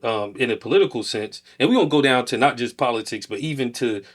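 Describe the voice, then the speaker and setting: A man co-hosts a casual podcast. He lays out his points step by step in an easygoing, conversational way, at a mid pitch. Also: fast talker. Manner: relaxed, explanatory, builds points step by step. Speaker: podcast co-host.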